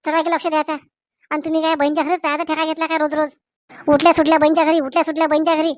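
A sharp-tongued village mother-in-law, played by a woman, nagging and scolding in a Varhadi Marathi accent. Her voice is high and the recording is dry. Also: flat delivery, racing, dry recording, natural voice. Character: nagging middle-aged mother-in-law Shanti. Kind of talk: comedy sketch acting.

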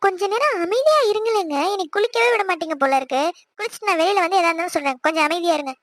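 A woman's voice: extremely high pitch, animated, very fast, fairly bright tone, no echo. A young woman voicing a playful, scolding young wife in a cartoon. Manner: chiding, teasing. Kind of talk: cartoon voice acting.

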